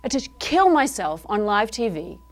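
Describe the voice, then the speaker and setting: A woman's voice: mid-range voice, sing-song, normal speed. A middle-aged woman hosting a live improvised comedy monologue from a TV studio, talking in a mock-serious, theatrical, confiding way. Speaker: host. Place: cable access TV studio.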